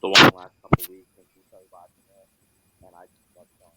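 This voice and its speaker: A man's voice: low-pitched, monotone, a little fast, noisy background. A man chatting casually as a podcast co-host, his voice muffled and faint as if from inside a fishbowl over a video call. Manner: rambling, full of "like" fillers. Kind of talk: casual chat. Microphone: video call, hand over the speaker.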